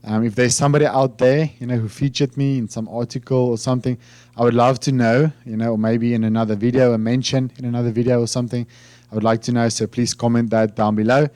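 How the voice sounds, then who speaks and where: Talking at a quick pace with a flat delivery, a South African man, Afrikaans his native tongue, speaks casually to camera for his finance channel in a warm, medium-pitched voice. There's no room sound. He meanders hesitantly, full of fillers and restarts.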